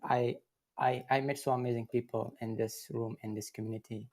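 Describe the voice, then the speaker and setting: A man's voice: medium pitch, level tone, a little fast, a little mellow. A young man from Afghanistan, a recent civil engineering graduate, speaking hesitantly in simple phrasing in a casual online chat. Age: young adult. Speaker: community member. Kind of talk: casual chat on an audio room.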